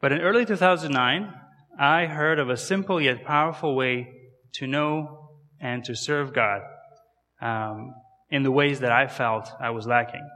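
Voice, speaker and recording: A man's voice: mid-range voice, bright, forceful tone, big-room sound. A man in his thirties from Kazakhstan, with an accent from there, giving a conversational guest sermon in a church and asking the audience questions. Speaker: guest missionary speaker.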